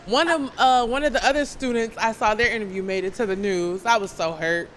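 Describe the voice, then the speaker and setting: A woman's voice: a little high, a little fast, a little hiss or hum. A woman guest on an interview show, telling a story in a chatty way and laughing through her words. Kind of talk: casual interview chat.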